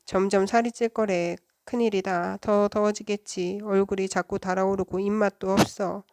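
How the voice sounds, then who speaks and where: A woman reading a children's novel aloud in a soft, even voice. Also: medium pitch, normal speed, dry recording, clean studio sound. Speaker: children's book reader. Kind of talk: storybook read-aloud.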